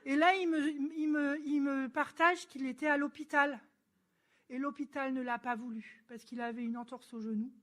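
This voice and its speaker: A woman giving a church testimony, telling her story in a lively, chatty way and acting out the dialogue. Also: high-pitched, normal speed. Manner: lively storyteller who acts out dialogue and laughs; chatty and informal, with frequent fillers.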